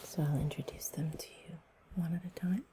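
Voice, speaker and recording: A woman whispering softly and gently through an ASMR session as its creator. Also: fairly low pitch, fairly even intonation, noisy background. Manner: soft whispering, slow and gentle.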